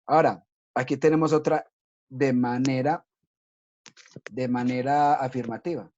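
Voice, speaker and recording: A man with an unhurried, slightly mellow mid-range voice and fairly even intonation teaches English to children in a recorded online class. He explains each step patiently, frequently asking "¿listo?", and the audio sounds dull and lo-fi.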